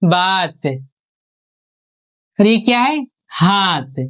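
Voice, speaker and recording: Animated yet extremely slow, with a slightly bright tone, a woman teacher gives an online spelling class. She questions and answers herself, stretching every syllable and dropping her pitch on each finished word.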